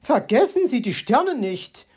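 A woman's voice: a little high, big pitch swings, a little slow, darkish tone, slightly rough, voice pushed up, heavily acted. Frau Elster, a flustered magpie, as a woman reader puts her on. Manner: stammering, then mocking. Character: fussy, sharp-tongued female magpie, Frau Elster.

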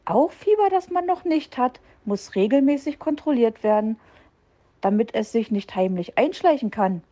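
A woman's voice: on the high side, animated, normal speed, dark tone, highs cut off, voice pushed up, natural voice. A woman piping as a tiny eager bluebird nurse. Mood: insistent. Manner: chirpy, piping.

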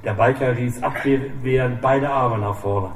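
A man's voice: medium pitch, a little slow. Man narrating a thriller, echoey. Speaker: audiobook reader. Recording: echoey room, distant mic, faint hiss.

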